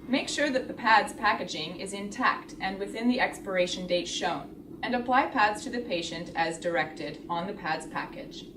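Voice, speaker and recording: A woman reading a scripted product tutorial in a measured, step-by-step explanatory way. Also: medium pitch. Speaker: instructional video narrator. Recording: roomy, distant, clearly noisy recording.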